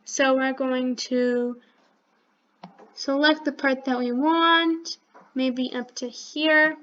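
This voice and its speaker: High-voiced woman talking through a coding tutorial. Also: steady tone, takes it slowly, bright, forceful tone, highs cut off. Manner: thinks aloud step by step, correcting herself as she clicks. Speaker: channel host teaching coding. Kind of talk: screen-recorded coding tutorial.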